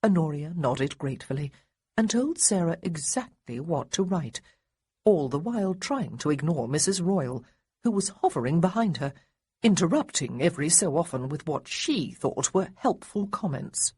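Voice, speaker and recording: Audiobook narrator, woman, breathy and low, animated delivery. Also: moderate pace. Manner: expressive storytelling. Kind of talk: scripted narration.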